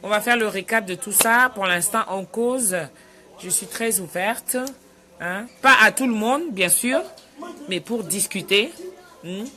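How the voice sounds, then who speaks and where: A woman's voice: mid-range voice, measured pace, crowd noise. Chatty woman hosting a live stream. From Cameroon. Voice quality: lively, greets viewers by name, chatty. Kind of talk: casual live chat reading viewer comments.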